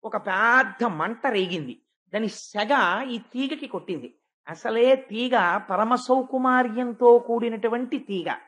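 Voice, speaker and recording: A man giving a devotional sermon, telling a sacred story and swinging from hushed tones to emphatic ones, slowing down for stress. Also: extremely high pitch. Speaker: devotional discourse speaker.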